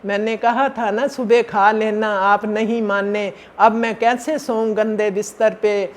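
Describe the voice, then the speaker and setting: Grumbling grown son in a parable, as a man voices him, complaining, high-pitched, slow. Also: fairly even intonation. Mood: irritated. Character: impatient grown son, easily irritated.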